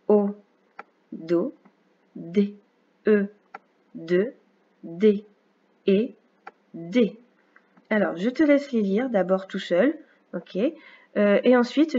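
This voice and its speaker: A woman's voice: medium pitch, mellow, muffled recording. Patient woman teaching a child phonics. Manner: slow, clear, patient instruction to a young child. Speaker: first-grade teacher. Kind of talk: recorded remote phonics lesson.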